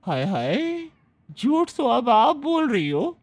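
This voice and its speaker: A woman voicing a loud, defensive vegetable-seller woman protesting an accusation. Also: a little high, sing-song, slow pace, no echo, pitched above the performer's own voice, exaggerated voice. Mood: indignant.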